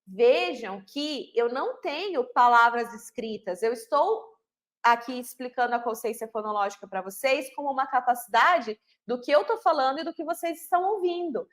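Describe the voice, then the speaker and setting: A woman's voice: sits high, expressive, normal speed, a bit bright. A Brazilian Portuguese-speaking woman teaching literacy in an online lecture, explaining step by step and posing questions she then answers herself.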